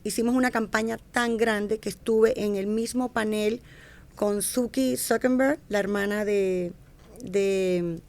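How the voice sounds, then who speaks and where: A middle-aged fashion entrepreneur, appearing as a podcast guest, tells casual stories about her career, often restarting, correcting herself, and acting out quoted speech. Her medium-pitched voice is steady, unhurried, and darkish.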